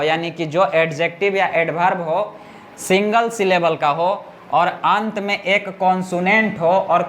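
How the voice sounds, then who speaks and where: A man teaching a classroom lesson in a high-pitched voice, breaking each rule down slowly and patiently. He keeps pausing to ask the students whether they have followed him. A faint hiss of noise sits under his voice. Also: fairly bright tone. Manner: explains step by step, keeps checking students understand.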